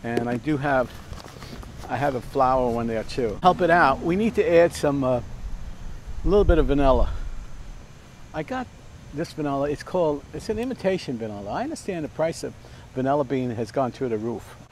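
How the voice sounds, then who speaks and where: An older man hosts a casual cooking demonstration outdoors in a backyard by a fence, wearing a lapel mic. His mid-range voice is expressive at a normal speed, and he chats and rambles with many fillers and restarts. The recording is low quality with slight background noise.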